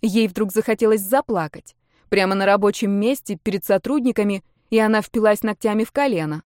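A woman reading a novel aloud as an audiobook narrator, in an even, measured way. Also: mid-range voice, no room sound, studio quality. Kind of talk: scripted narration.

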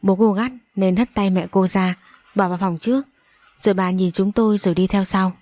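A woman's voice: medium pitch, steady tone, a little fast, darkish tone, no echo. A woman reading a dramatic story aloud and voicing every character with strong emotion. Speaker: audiobook narrator. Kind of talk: storybook narration with acted dialogue.

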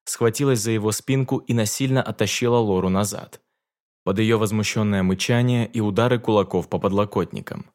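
A man narrating a fantasy audiobook in a measured, dramatic reading. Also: on the low side, darkish tone.

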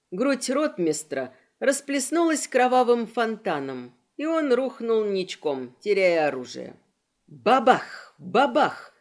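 A woman narrating a fantasy audiobook in an expressive, dramatic reading. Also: on the high side.

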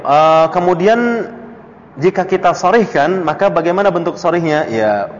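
A man's voice: moderate pace, slight background noise. A man teaching a classical Arabic text to a study circle, quizzing students by name and chuckling between points. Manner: questions students by name, chuckles, animated pitch jumps. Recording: dull lo-fi audio in a reverberant room.

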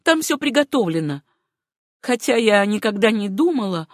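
A reader voicing an agitated middle-aged lady of the house in an audiobook, with high, exclaiming speech that turns to commands. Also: very animated, moderate pace, dry recording, studio quality, lightly acted. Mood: stern.

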